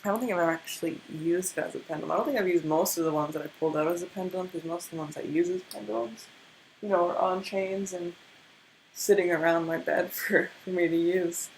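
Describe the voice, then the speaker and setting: A young woman with a slight stutter talks through a tarot card reading in a casual, rambling way. Her voice sits a bit low and sounds tired from lack of sleep. There is a faint hiss behind her. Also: fairly even intonation, quick pace, poor audio. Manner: stutters, with many restarts. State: tired from little sleep, yawning. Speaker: tarot reader.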